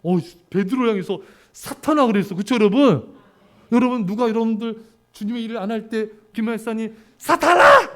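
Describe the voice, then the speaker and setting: A man with a notably high voice delivers a sermon at a church service. He preaches emphatically and keeps turning to the congregation with direct questions. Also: fairly even intonation, fairly quick, darkish tone. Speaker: pastor.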